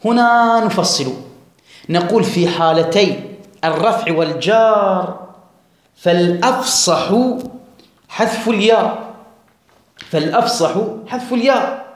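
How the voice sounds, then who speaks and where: A man teaching a grammar lesson, reading the text slowly and stretched, then explaining it quickly and asking the class questions. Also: high-pitched, expressive. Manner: asks the class questions and urges them to follow. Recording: very echoey room.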